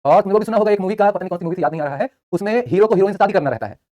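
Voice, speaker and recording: A man's voice: sits high, lively intonation, racing, warm tone. A young man teaching a live online class, chatty, joking between facts and repeating answers for students.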